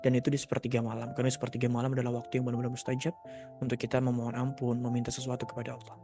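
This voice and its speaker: A man's voice: mid-range voice, completely flat delivery, racing, music in the background. A man mentoring young people in a live question-and-answer session, reading out questions and giving casual, direct advice. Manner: casual, direct advice-giving, mock voices when quoting.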